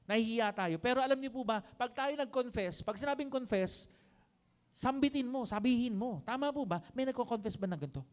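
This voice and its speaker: A middle-aged Filipino man preaching a sermon in church, questioning his congregation and rising loud to drive points home. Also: very high-pitched, a little fast. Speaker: pastor.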